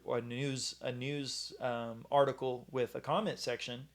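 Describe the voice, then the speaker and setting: Halting man giving a Bible talk. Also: mid-range voice, vocal fry. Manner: halting, many fillers and restarts. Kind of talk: casual Bible teaching talk.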